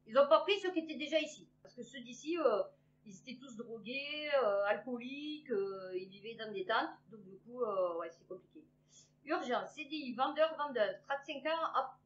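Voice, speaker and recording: A woman in her fifties with a high voice reads out the headlines and then rambles through her own sarcastic asides, with plenty of fillers along the way. The recording is dull and lo-fi. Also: slight background noise. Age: 50s. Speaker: online news commentator. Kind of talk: casual commentary on news headlines.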